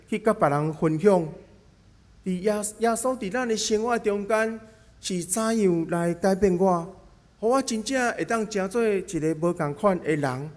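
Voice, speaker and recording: High-pitched man preaching with Taiwanese Hokkien accent. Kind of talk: sermon.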